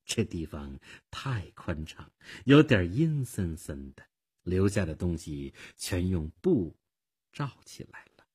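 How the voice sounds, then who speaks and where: A man reading the lines of a wealthy, lonely widowed woman in a husky voice, slow and wistful in a radio storybook. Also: sits low, big pitch swings, a little mellow, heavily acted. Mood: weary.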